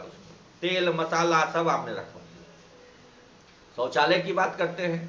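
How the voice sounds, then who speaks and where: A man's voice: fairly high pitch, pushed and bright. A man from Bihar, a teacher, giving an impassioned monologue full of indignant rhetorical questions. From Bihar, India. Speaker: teacher and activist. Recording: echoey room, slightly dull sound, faint background noise.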